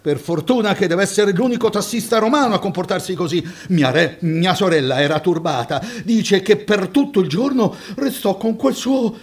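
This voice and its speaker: Male reader doing a scolding fifty-year-old woman, high and shrill, loud, full of outrage. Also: moderate pace, few pauses. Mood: indignant. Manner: sharp, scandalized outbursts.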